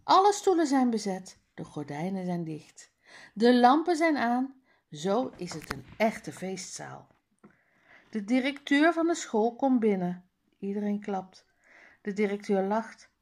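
A woman's voice: mid-range voice, very animated, a little slow. A woman reading a children's book aloud page by page, with careful word drills. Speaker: reader.

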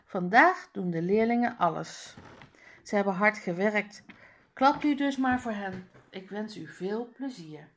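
A woman's voice: mid-range voice, animated, measured pace, a bit bright. A woman reading aloud the lines of a friendly male school principal welcoming an audience in a storybook. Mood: gracious. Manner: polite, welcoming speech.

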